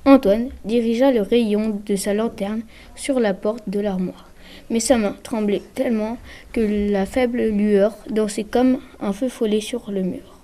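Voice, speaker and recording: Lady reading a kids' book, mellow and steady. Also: medium pitch, measured pace. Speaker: reader. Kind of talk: scripted narration.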